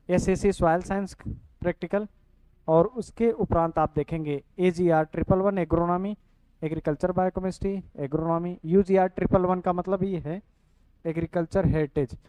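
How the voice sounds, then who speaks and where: High-voiced man teaching. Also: warm tone, clean tone, no room sound, low-quality recording. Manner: repeats "ठीक है" and addresses students directly. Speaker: online coaching teacher. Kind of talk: casual explanatory lesson.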